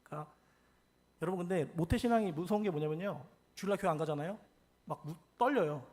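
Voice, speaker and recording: A man's voice: high-pitched, fast. A young adult man, a pastor from South Korea, preaching a storytelling sermon and acting out the quoted lines of people in his stories. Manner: animated, acts out quoted lines.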